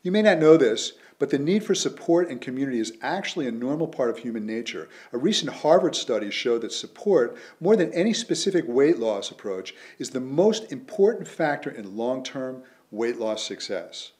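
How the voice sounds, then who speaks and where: A man, an author, delivering a scripted promotional pitch in an earnest, persuasive way. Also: very animated, normal speed, few pauses, darkish tone. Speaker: author promoting his method.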